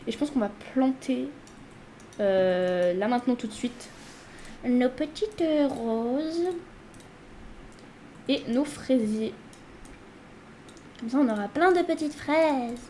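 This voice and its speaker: High-pitched woman chatting thru a sims let's play, warm mellow tone, bosses her sim around. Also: unhurried, pauses often, a little hiss or hum. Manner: chatty, talks to her character. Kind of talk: casual gameplay commentary.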